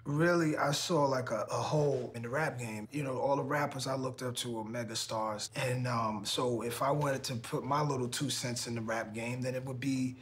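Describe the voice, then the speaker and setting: A man's voice: medium pitch, fairly even intonation, moderate pace, few pauses. Laid-back man chatting casually. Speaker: rapper. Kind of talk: casual conversation.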